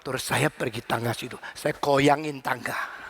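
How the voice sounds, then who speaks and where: A man's voice: medium pitch, fairly even intonation, moderate pace, fairly bright tone. An older male pastor preaching a sermon, acting out stories dramatically and mixing in English phrases.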